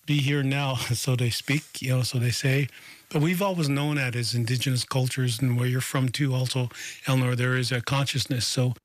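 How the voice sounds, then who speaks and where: A male radio host speaking slowly and thoughtfully, often repeating words as he searches for the next phrase. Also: medium pitch, steady tone, no echo. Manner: slow, searching, repeats words while thinking. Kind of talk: radio interview.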